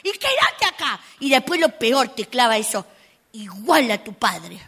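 Brief: woman comic as a sassy little girl, high, bright, indignant asides. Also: wildly swooping pitch, moderate pace, heavily acted. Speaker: stand-up comic in character. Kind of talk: comic monologue.

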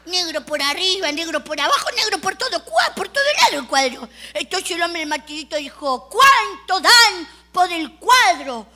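Woman comedian, Argentine accent, little-girl storytelling persona, very high, bright tone. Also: sing-song, fairly quick, hardly any pauses. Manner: chatty, storytelling. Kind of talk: comic monologue as a little girl.

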